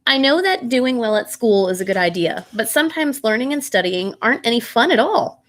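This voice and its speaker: Reading a bedtime story for children, a woman with a fairly high voice talks fairly quickly in an expressive, animated way. She addresses her young listeners directly, asking them questions along the way.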